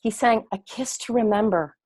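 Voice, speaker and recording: An actress playing a gentle, starstruck grown daughter, defensive with her mother, in a period drama reading. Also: on the high side, moderate pace, slightly rough. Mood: eager, hesitant.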